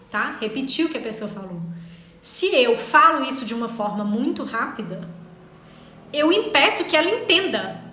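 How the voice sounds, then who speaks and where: A woman in her thirties teaching a lesson on legal writing and debate, talking fast and emphatically, often checking in with "tá?". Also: fairly high pitch, sharp tone, echoey room. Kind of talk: online lesson.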